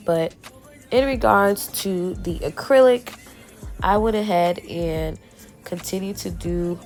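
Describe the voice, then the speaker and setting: A woman nail tech with a stuffy nose from a cold, talking through her work in a chatty, emphatic, slangy way. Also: lowish voice. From South Florida. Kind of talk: casual voice-over tutorial. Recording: voice-over with faint background music.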